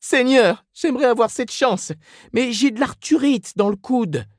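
A man's voice: very high voice, measured pace, dry recording, clean studio sound, pitched above the performer's own voice. A man voicing a weary middle-aged mother who complains and gossips in a drawling, plaintive way.

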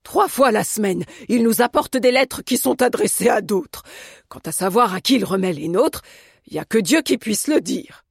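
A woman voicing an elderly, sharp-tongued house cook who talks in a blunt, scolding way in an audiobook. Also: mid-range voice, lively intonation, normal speed, vocal fry, husky, no echo, studio quality, pitched above the performer's own voice. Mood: grumbling. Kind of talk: audiobook character voice.

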